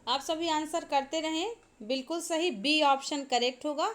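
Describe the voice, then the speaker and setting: A woman's voice: high-pitched, normal speed, a bit bright. A woman teacher giving an exam-prep lecture, explaining each point step by step, repeating key terms and asking the class to answer.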